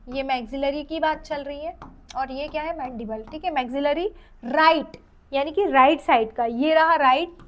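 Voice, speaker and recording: A woman with an Indian accent gives an exam-oriented dental lecture in a very high voice. She reads English definitions slowly, then explains them in Hindi with questions to her students. While counting teeth she drops to a soft murmur. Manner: counts teeth aloud while drawing, trailing off softly.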